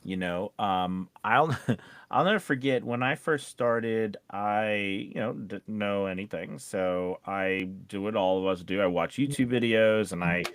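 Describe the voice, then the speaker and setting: Another voice actor co-hosts a relaxed podcast conversation, rambling along and playfully repeating words. His voice is smooth and fairly low in pitch, and he speaks a little slowly.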